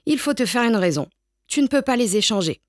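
A woman reading a children's storybook aloud with gentle, expressive storytelling. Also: fairly high pitch, fairly quick, no echo, clean studio sound. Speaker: storybook reader. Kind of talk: read-aloud picture book narration.

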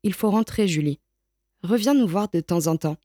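A woman voicing a wise old male graveyard cat who speaks softly and patiently in a storybook. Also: lowish voice, lively intonation, moderate pace, no room sound, studio quality. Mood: gentle. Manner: soft, patient and reassuring.

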